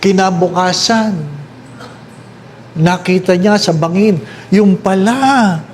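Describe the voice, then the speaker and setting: Filipino man, priest, slow lively talk, high voice, faint background hiss. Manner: animated storytelling with high-pitched voices for characters.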